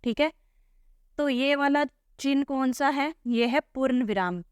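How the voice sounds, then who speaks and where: Patient woman teacher, smooth and dry. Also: high-pitched, a little slow, dry recording. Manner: patient, asks and answers her own questions. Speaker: Hindi teacher. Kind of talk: explaining a textbook lesson.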